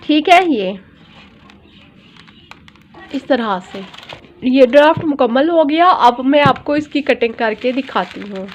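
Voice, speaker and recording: A woman's voice: high voice, expressive, slow, long pauses, highs cut off. A woman dress designer giving a patient step-by-step sewing tutorial, repeating each measurement and often checking in with her viewers. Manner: often checks in with "theek hai". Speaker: dress designer teaching pattern drafting.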